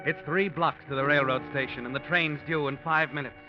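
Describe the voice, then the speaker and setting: A man's voice: fairly high pitch, steady tone, a little fast, natural voice. An actor playing a grave male storyteller, narrating a mid-century radio thriller. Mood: grave, suspenseful. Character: grave storyteller addressing the killer as you. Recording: muffled old radio recording over music.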